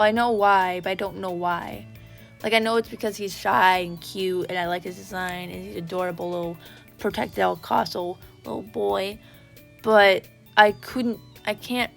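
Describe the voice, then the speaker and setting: A YouTube vlogger with a medium-pitched voice and vocal fry chats casually, gushing like a fan and rambling. Video game music plays in the background.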